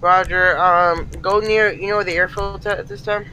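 A man's voice: high-pitched, fairly even intonation, normal speed, bright, forceful tone, slight background noise. A man role-playing a fire crew member in an online game, talking in procedural stock radio phrases. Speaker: fire engine role-player.

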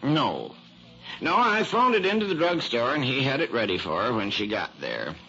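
Halting, obliging radio doctor. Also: male voice, medium pitch, very animated, bright, forceful tone. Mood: helpful, recollecting. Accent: American. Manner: halting, thoughtful. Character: obliging, hesitant male small-town doctor. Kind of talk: old-time radio drama acting. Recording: noisy, muffled old radio recording.

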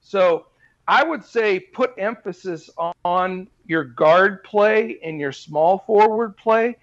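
A man's voice: high voice, slow pace, fairly bright tone, muffled recording. A man giving fantasy basketball advice as a podcast guest, talking earnestly and repeating himself with lots of fillers. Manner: earnest, repetitive, full of fillers. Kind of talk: casual interview advice.

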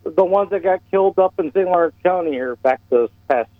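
A man's voice: high-pitched, fairly quick, dry recording. A male caller to a radio talk show, talking bluntly and plainly over a clipped, crackly phone line. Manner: blunt, plain-spoken, rambling. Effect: clipped, bad phone line. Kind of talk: casual call-in chat.

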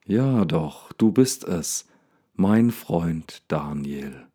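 A gentle storybook lion with a deep, full voice, speaking slowly and softly with calm curiosity, as a male narrator puts him on. The tone is dark and mellow, low and unhurried. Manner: calm, soft-spoken, slightly awkward.

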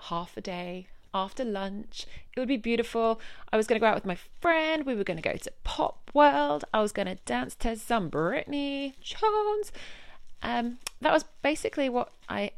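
Young woman, animated sing-song talk, dry close sound, chatty venting vlog. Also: mid-range voice, clean tone, no echo. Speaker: vlogger, news journalist. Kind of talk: casual day-in-the-life vlog.

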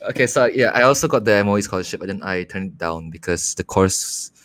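A man's voice: low voice, fast, a bit bright. A young man, chatting in a laid-back, joking way as a podcast co-host. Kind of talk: casual chat.

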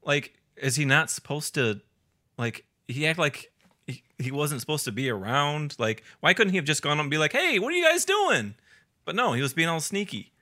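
Bright-voiced man searching for words. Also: on the high side, a little fast. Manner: searching for words, frequent um and uh, laughs often. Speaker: podcast co-host. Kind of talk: casual chat.

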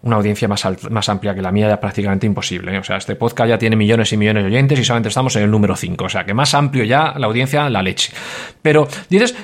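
A man's voice: fairly low pitch, fast talker. Exasperated ranting Spanish man. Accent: Spain Spanish. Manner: exasperated, swearing, lively. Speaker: podcast host. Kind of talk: solo podcast rant.

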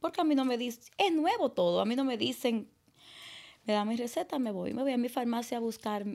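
A woman's voice: a little high, brisk, vocal fry. A young woman telling her story as a guest in an interview, acting out the people she quotes. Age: young adult. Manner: lively, acts out dialogue in quoted voices. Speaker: guest, mother.

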